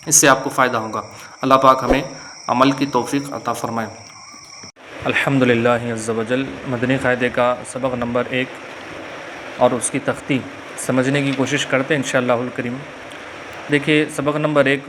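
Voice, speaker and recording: A man with a Pakistani Urdu accent teaching a religious lesson and stretching out letter sounds slowly, with filler pauses. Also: mid-range voice, bright, forceful tone, slight background noise. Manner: slow drawn-out letter recitation with frequent filler pauses. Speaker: Quran reading teacher. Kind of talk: religious lesson with Arabic invocations.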